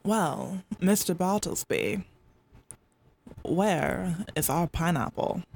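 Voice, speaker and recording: This is an oily, menacing henchman played by a woman. He speaks slowly and softly with false courtesy, full of quiet threat. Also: on the low side, slightly rough, full character voice. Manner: slow, silky, threatening politeness. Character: oily menacing male henchman, mock-polite.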